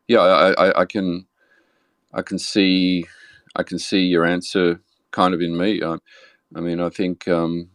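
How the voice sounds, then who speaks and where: A man hosting a podcast, speaking in a hesitant, casual way with many pauses. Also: sits low, clear, resonant tone, no room sound. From Australia. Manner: hesitant, many fillers and restarts. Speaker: podcast host. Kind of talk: casual interview chat.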